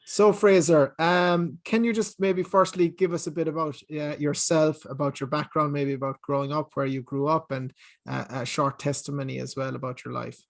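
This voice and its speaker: Host with a higher, dry voice. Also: male voice, flat delivery, normal speed, vocal fry, dry recording. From Ireland. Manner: friendly, polite questioning. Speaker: interview host. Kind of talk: hosting an interview.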